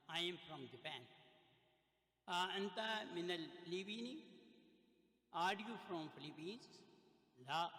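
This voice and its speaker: An older man teaching an Arabic grammar lesson. He talks slowly, reading short Arabic phrases aloud and then translating and explaining each one. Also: high-pitched, sharp tone. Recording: roomy, echoey room with a long reverb.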